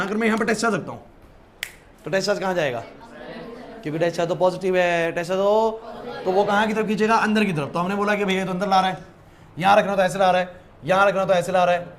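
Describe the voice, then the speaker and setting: High-voiced teacher quizzing his class. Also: a little hiss or hum. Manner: asks students to confirm understanding; mixes English terms into Hindi. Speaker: physics teacher. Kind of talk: classroom lecture. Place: classroom with whiteboard.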